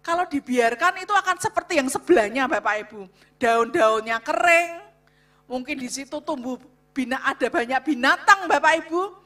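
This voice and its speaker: A woman speaking to a church congregation about marriage, loud and emphatic, often turning to address the audience. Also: high voice, lively intonation, moderate pace, faint music behind. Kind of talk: sermon-style talk to a congregation.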